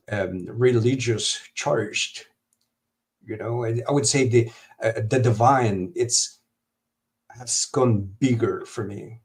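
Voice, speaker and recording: A man from Honduras, speaking as a guest in a live video-call interview, talking haltingly with many fillers and restarts. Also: medium pitch, a little mellow.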